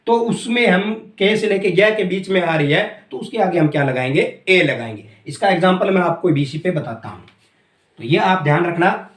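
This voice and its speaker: A man's voice: high voice, reverberant. A man teaching English grammar in a classroom-style lesson, explaining step by step and often checking that students follow. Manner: explains step by step, keeps asking "clear?".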